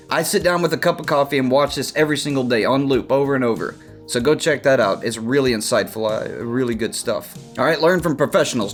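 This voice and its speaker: A man breaks down artwork in a loose, casual commentary, puffing himself up with playful trash talk. His voice sits in a middle register. Soft music plays quietly behind him. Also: medium pitch. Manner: brash, mock-tough trash talk, playful. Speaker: animation character designer teaching art.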